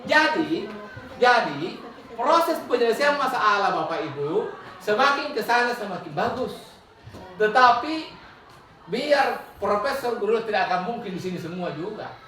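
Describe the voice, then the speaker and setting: A woman's voice: medium pitch, big pitch swings, unhurried, a bit bright. A woman, a school principal and facilitator, presenting a training module and acting out classroom examples. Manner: explanatory, acts out classroom examples. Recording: echoey room, mic far off, crowd noise.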